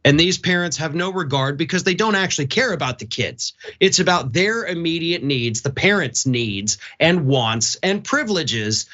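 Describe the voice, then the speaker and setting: A man's voice: a little high, animated, moderate pace, few pauses, bright, forceful tone, lo-fi sound. A middle-aged man co-hosting, giving opinionated, emphatic and disapproving conversational commentary. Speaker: co-host.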